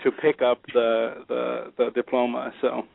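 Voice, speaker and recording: A man's voice: medium pitch, completely flat delivery, measured pace, gravelly, slight background noise. A man from Germany, a film composer giving a hesitant, thoughtful radio interview full of restarts. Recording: tinny phone-like radio audio.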